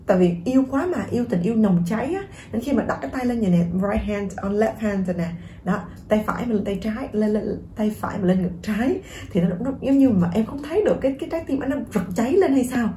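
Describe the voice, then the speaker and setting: A woman teaching English pronunciation through a song, with a very dark, mellow voice. She encourages her viewers and repeats each word slowly to show how it is said. The recording has a roomy echo. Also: on the high side, slight background noise.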